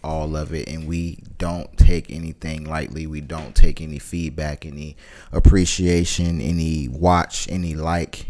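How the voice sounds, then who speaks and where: A man's voice: very deep voice, flat delivery, unhurried, few pauses, a little mellow. A man co-hosting a podcast in casual chat, speaking earnestly and listing things one by one. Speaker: podcast co-host.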